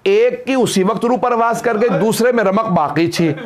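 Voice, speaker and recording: A man's voice: sits high, normal speed, crowd noise. A man, a cleric, recites a mourning sermon, narrating a lament and rising into wailing cries. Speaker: Shia cleric reciting a majlis.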